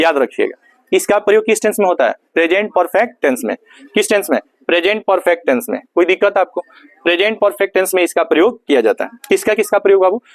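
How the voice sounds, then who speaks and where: A man's voice: high-pitched, dry recording. A male Hindi-speaking teacher with a Bihari accent, giving a classroom grammar lesson, asking questions and answering them himself. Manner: asks questions and answers them himself, repeats key words.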